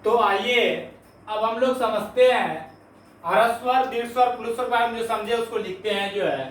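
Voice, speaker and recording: A man's voice: extremely high pitch, moderate pace, a bit bright. A male Hindi grammar teacher giving a classroom lesson, asking questions and answering them himself and repeating key points. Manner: frequent filler "jo hai". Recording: echoey room, voice from a distance.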